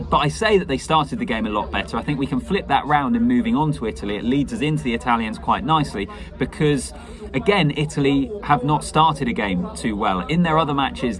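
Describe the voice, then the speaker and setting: A man in his thirties giving casual, measured sports analysis as a pundit, opinionated and conversational. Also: mid-range voice. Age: 30s. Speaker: rugby pundit giving match reaction. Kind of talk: casual spoken match analysis to camera. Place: small indoor room at home.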